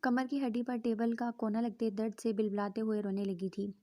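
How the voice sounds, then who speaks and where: A woman hosting her channel who reads an audio novel in an even storytelling manner and mixes in English words. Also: a little high.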